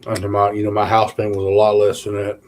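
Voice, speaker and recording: A man's voice: on the low side, completely flat delivery, quick pace, darkish tone, slight background noise. A tired man, chatting casually with viewers on a live stream, rambling with lots of fillers. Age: 30s. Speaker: channel host.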